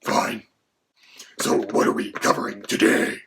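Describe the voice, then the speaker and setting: A man voicing a menacing male dragon who co-hosts, with a gravelly, whispery voice. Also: measured pace, fairly bright tone, lightly acted. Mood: matter-of-fact. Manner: mock-menacing, then lecturing in turn with the host. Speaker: co-host. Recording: background noise.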